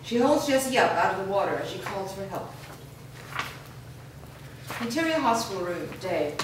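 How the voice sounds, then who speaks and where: A woman with a mid-range, sing-song voice reads stage directions at normal speed for a staged screenplay reading. She sounds distant in a very echoey room, and noise runs in the background.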